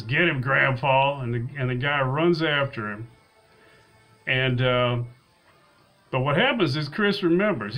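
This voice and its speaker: A man's voice: mid-range voice, fairly bright tone, poor audio. A man recapping a film's plot in a casual, rambling way, often restarting his sentences. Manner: rambling, with frequent restarts and fillers. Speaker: movie reviewer. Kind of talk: casual spoken film recap.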